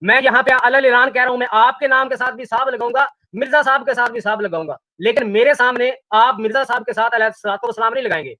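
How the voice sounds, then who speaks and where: Fast, high-voiced man arguing insistently. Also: pushed and bright, rough recording. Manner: insistent, argumentative, keeps pressing questions. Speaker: debate guest challenging the hosts. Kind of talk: heated live-stream debate.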